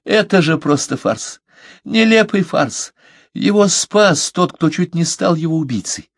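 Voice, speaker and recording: A man's voice: on the high side, expressive, a little slow, dry recording, clean studio sound, voice pushed up. A man voicing a nervous young officer who talks in a jittery, near-hysterical way.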